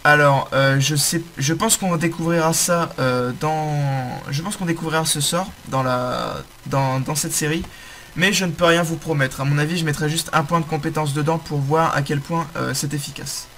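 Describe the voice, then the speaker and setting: A young man giving a game tutorial commentary, halting often with fillers and correcting himself as he explains the screen. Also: on the high side, fairly even intonation, a bit bright, a little hiss or hum. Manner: hesitant, many fillers and self-corrections. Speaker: game guide host.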